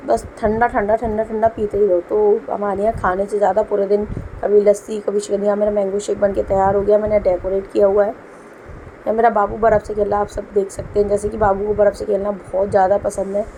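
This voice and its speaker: A young homemaker speaks a little fast in a warm, level, medium-pitched voice, narrating her kitchen chores in a casual voice-over. She's chatty and explains as she works, despite a sore throat and a cough. The audio is poor, with slight background noise.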